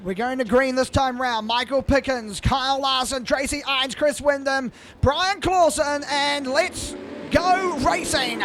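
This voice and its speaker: A man giving excitable hype race commentary as a track announcer, shouting and drawing out his calls to build drama. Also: very high voice, unhurried. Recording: loud engine and crowd noise behind.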